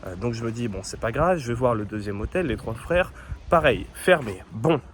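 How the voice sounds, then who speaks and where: A man's voice: mid-range voice, animated, normal speed, slight background noise. Chatty young man vlogging outdoors. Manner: chatty and upbeat, storytelling with fillers. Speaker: travel vlogger. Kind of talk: casual travel vlog narration to camera. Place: outdoors on a seaside town street.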